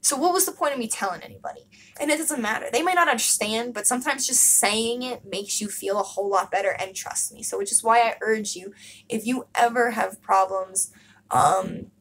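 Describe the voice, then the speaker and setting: A woman's voice: on the high side, fairly quick, fairly bright tone, low-quality recording. A young woman speaking candidly in a casual vlog, emphatic and full of fillers and swearing. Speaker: vlogger.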